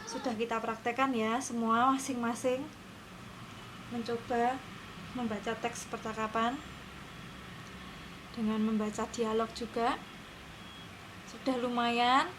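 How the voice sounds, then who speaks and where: A woman's voice: on the high side, level tone, slow, pauses often, noisy background. A woman teaching a lesson to her class, explaining patiently and often checking that her students are following.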